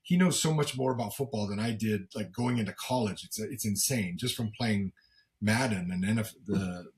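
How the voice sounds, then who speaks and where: A middle-aged man with a gravelly smoker's rasp chats casually as a sports interview guest, often repeating words as he goes in a folksy, self-deprecating way. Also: on the low side, normal speed. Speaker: football commentator and former coach, as guest.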